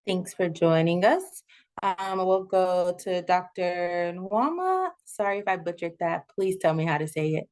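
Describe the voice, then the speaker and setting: A woman's voice: fairly low pitch, animated, unhurried, a little mellow. A woman resident from Houston hosting a casual panel over a video call, chatty and full of ums. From Houston, Texas. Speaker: panel moderator, second-year resident.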